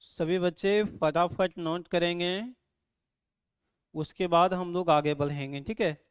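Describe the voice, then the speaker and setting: A man teaching an online grammar lesson, asking his students questions over and over and loudly sounding out syllables for them to repeat. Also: sits high, fairly even intonation, slow pace, smooth, no echo, clean studio sound. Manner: repeats "ठीक है" and quizzes students constantly; drills syllables aloud, louder on examples. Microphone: microphone.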